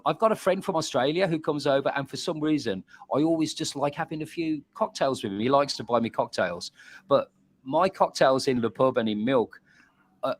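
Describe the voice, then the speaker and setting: A man's voice: medium pitch, no room sound. Chatty man telling stories. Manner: animated storyteller, repeats words. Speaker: guest, pub and bar owner. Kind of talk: casual chat.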